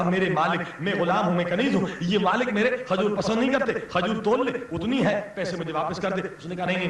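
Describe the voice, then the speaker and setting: A man's voice: sits high, a bit bright. A man, a religious scholar, preaching a sermon with rhetorical questions and retold stories to a gathering. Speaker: religious scholar delivering a majlis. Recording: very echoey hall, voice from far off.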